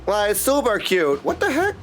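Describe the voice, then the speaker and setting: An exuberant man full of slang chats casually with viewers while livestreaming and commenting on a game, with game music playing behind him. His voice is high-pitched and swoops wildly in pitch, moving at a normal speed.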